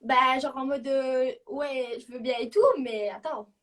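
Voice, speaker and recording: A woman's voice: high voice, steady tone, measured pace, fairly bright tone, distant mic. A woman guesting on a live stream, chatting casually and self-assured.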